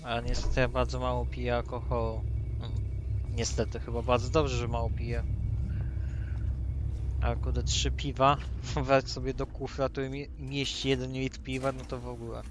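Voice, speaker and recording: A man's voice: medium pitch, flat delivery, normal speed. A tipsy man giving rambling, casual commentary as he hosts a let's-play. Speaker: gaming video host. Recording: noisy, with game ambience behind. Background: video game ambience.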